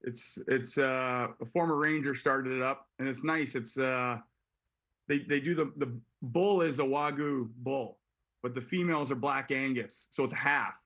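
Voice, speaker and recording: A man's voice: medium pitch, a bit bright. Man chatting over a video call. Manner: halting, many restarts, laughs easily. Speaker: guest, hockey player. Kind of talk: casual chat.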